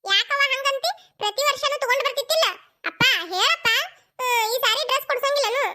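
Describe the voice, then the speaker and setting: A woman's voice: very high voice, bright, forceful tone. A woman voicing a chatty, pleading young village daughter in a cartoon, with a North Karnataka Kannada accent. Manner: fast, wheedling, argumentative.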